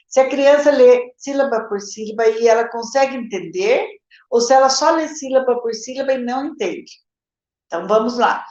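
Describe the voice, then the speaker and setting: Her voice is on the high side with a darkish tone, and the recording is reverberant and dull. She's a literacy teacher with a Brazilian Portuguese accent, answering questions in a live session step by step while checking in with viewers and using "gente" and "tá?".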